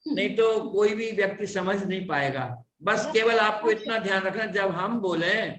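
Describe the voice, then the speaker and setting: A man's voice: high-pitched, measured pace, a bit bright, distant mic. A man teaching an online class, patiently explaining pronunciation and drilling a recited verse syllable by syllable. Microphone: online class audio. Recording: roomy echo.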